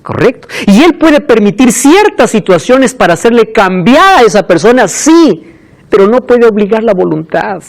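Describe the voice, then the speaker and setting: A male pastor preaching a sermon, expressive and acting out the voices he quotes. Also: high-pitched, normal speed, vocal fry.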